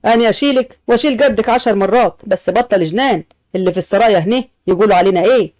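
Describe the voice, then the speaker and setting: A devoted young husband from a household pleads and scolds in rapid bursts, voiced by a woman. His comes through in a dry, close reading. It is a mid-pitched, everyday voice. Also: darkish tone, no room sound, natural voice. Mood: tender. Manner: reproachful, earnest. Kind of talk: audio story reading.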